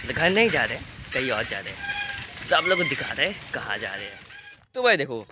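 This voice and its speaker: Filming himself at arm's length on his phone, a teen vlogger chats loosely outdoors on a field and later at home, repeatedly addressing viewers as "brother." His mid-range voice is very animated and brisk, with background noise in the recording.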